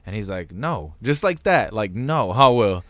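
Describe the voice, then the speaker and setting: Laid-back, low-voiced young man joking around. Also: big pitch swings, moderate pace, fairly bright tone. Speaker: podcast co-host. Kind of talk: casual chat.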